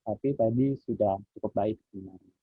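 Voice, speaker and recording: A man teaching public speaking in a relaxed, instructive way with frequent fillers, heard over a call. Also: fairly low pitch, brisk, slightly rough, no room sound. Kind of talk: online training session. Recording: muffled phone-like call audio.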